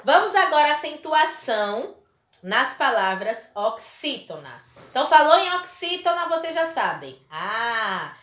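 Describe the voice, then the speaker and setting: A Brazilian woman teaches a primary school lesson to children in a recorded class, affectionate and emphatic, stretching out key words. Her high, fairly bright voice swings widely in pitch at an unhurried pace, with a roomy sound.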